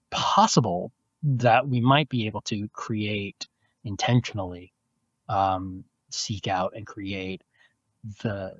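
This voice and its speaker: A man with a low voice works through his answers with care, picking his words and restarting as he goes. The sound comes over a video call and is dull and lo-fi. The audio is dry, with no room echo. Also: breathy edge. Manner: measured, explanatory, with frequent restarts. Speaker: guest, philosophy professor. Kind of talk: thoughtful interview answers.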